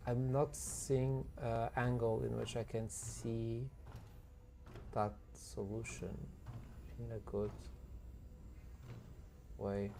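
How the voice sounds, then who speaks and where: A man's voice: medium pitch, flat delivery, very slow, vocal fry, long pauses, mellow. A man thinking aloud while playing a puzzle game, sleepy and tired, yawning as he talks it through. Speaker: gaming streamer. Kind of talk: casual gameplay commentary.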